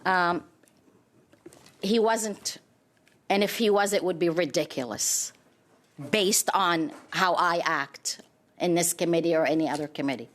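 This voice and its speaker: A woman's voice: on the low side, a little slow, long pauses. A woman chairing a committee meeting, procedural and conciliatory.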